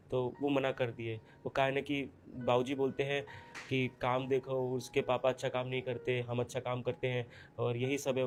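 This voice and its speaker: A man's voice: mid-range voice, a little mellow, natural voice. A man playing a poor young husband from a village who pleads humbly and speaks in a rustic way, in a scripted short drama.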